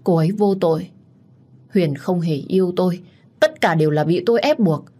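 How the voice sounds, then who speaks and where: A woman's voice: lowish voice, moderate pace, mellow, lightly acted. Woman voicing a stammering, pleading husband. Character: frightened young husband pleading for his wife.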